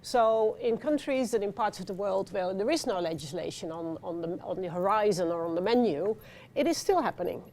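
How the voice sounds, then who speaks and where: Dutch woman with a gravelly voice. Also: medium pitch, slight background noise. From Netherlands. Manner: animated, with frequent fillers and restarts. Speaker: panelist. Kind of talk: panel discussion talk. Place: conference venue.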